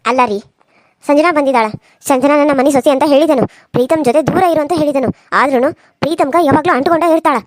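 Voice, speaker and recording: A woman's voice: sits high, quick pace, dry recording, studio quality, natural voice. A woman voicing a harsh, scheming, wealthy middle-aged mother-in-law in a cartoon serial, with a North Karnataka accent and a scolding, contemptuous manner. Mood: complaining. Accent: North Karnataka Kannada.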